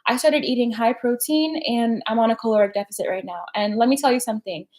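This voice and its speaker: A woman's voice: fairly high pitch, fast talker, darkish tone. A young woman hosting a casual live stream, chatty and slangy, peppering her talk with "like" and "right?". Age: young adult. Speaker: personal development host.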